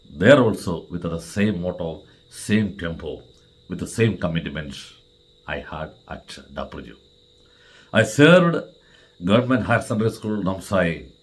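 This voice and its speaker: A middle-aged man with an Indian accent and a deep, low voice delivers a formal farewell address. He speaks earnestly as a vice principal, setting out deliberate phrases and repeating words for emphasis. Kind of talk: farewell speech.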